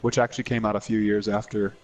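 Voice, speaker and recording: A man's voice: fairly low pitch, level tone, quick pace, a little mellow, muffled recording. A man chatting casually over a game, teasing his friends with plenty of swearing. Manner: profane, teasing banter. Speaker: gamer.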